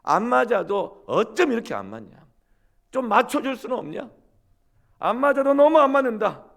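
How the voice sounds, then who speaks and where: A man voicing an exasperated middle-aged husband who yells during a marital fight. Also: on the high side, big pitch swings, moderate pace, vocal fry. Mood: furious shouting. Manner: yelling, exasperated.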